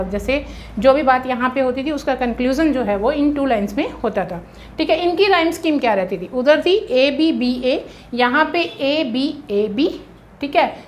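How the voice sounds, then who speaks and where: A woman's voice: sits high, a little hiss or hum. An Indian woman teaching an exam-prep lecture, explaining step by step and checking in often with her students. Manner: explanatory, drills rhyme schemes slowly letter by letter.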